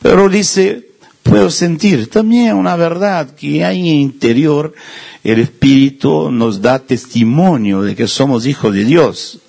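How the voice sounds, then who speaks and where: Male preacher, lively husky delivery, conversational sermon. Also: mid-range voice, a little slow. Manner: conversational, self-deprecating humor, acts out quoted voices.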